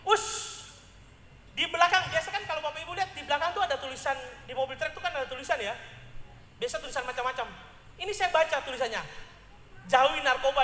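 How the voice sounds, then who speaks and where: A man in his forties preaches in a high, bright voice, telling stories with humor and playing out every side of a conversation. The sound rings through an echoey church hall with a long reverb tail and a faint hiss of room noise. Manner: lively, humorous, acts out dialogue. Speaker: pastor. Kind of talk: storytelling sermon.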